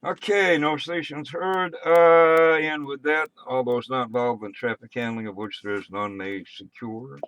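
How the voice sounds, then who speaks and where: Halting American man running a radio net. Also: medium pitch, fairly even intonation, noisy background. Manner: halting, offhand, muttered asides. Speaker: amateur radio net control operator. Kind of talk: casual radio net check-ins and announcements.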